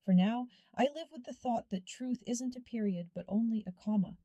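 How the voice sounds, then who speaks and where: A woman reads a dramatic first-person story aloud in a measured, hushed way. Her voice is very dark and mellow. The sound is close and dry, with no room around it. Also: fairly high pitch, no room sound, dull audio. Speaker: story narrator. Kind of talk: scripted first-person narration.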